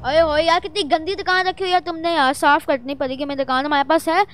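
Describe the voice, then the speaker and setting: A woman chatters through horror gameplay in a high, bright register. She is excitable and jittery, bursting into loud exclamations as she plays. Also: fast talker. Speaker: gaming vlogger. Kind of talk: Roblox horror gameplay commentary.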